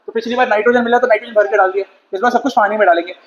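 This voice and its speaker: A man with a high voice lectures a chemistry class, chatty and quick to question or scold students. The recording is dull and lo-fi, with a faint hiss behind him. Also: fairly even intonation. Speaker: chemistry teacher. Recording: dull lo-fi sound with faint noise.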